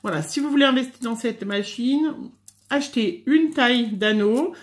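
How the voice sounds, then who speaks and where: Woman, middle-aged, slightly high voice, chatty craft tutorial, halting and filler-heavy. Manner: hesitant, many fillers. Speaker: scrapbooking vlogger. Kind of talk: casual tutorial chat.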